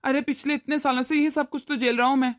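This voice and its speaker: A woman voicing a tired older father-in-law in a cartoon who pleads for calm. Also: high voice, quick pace, lightly acted. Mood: placating. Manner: pleading, placating. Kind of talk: cartoon voice acting.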